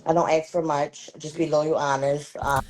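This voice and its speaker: A woman in her thirties answering a dating show host's questions, halting and hesitant, often pausing on an um. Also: deep voice, level tone, a little mellow. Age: 30s. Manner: hesitant, halting, many ums. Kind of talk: casual interview answers.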